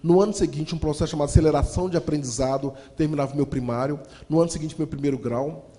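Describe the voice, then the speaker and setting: Brazilian storyteller in a booming hall. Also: male voice, quick pace. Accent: Brazilian Portuguese. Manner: lively, acts out voices, addresses audience as "gente". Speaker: motivational speaker and storyteller. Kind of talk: dramatic motivational storytelling. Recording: long hall reverb.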